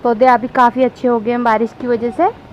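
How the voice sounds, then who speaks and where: High-voiced young mother vlogging. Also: little pitch movement, fairly quick, muffled recording, a little hiss or hum. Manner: chatty, coaxing and teasing with her child. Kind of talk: casual home vlog.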